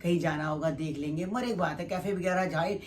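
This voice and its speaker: A woman's voice: on the low side, fairly quick, darkish tone, a little hiss or hum. A middle-aged woman and mother chatting casually to her viewers while cooking in her home kitchen, rambling from one thing to the next. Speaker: family vlogger and mother. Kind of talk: casual cooking vlog chat.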